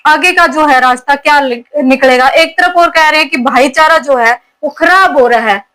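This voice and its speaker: Woman news interviewer, high voice, direct and probing. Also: moderate pace, pushed and bright, rough recording. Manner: probing questions, direct sign-off to viewers.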